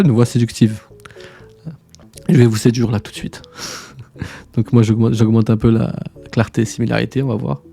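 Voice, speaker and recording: A man's voice: on the low side, gravelly, warm tone. A man hosting a casual screen-share tutorial, informal and slangy, chatting to viewers like buddies. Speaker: tutorial host.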